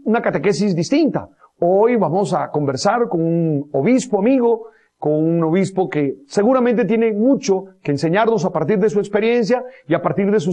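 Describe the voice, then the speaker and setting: A man, a priest, hosting a Sunday religious talk show and interviewing a guest with a warm, pastoral manner. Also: high-pitched. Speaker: priest and radio host.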